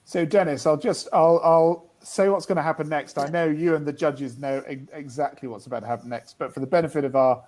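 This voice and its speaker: A man's voice: fairly high pitch, fairly even intonation, brisk, hardly any pauses, a little mellow, rough recording. A man hosting a live business event, chatty and friendly, introducing judges and teams. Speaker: event host.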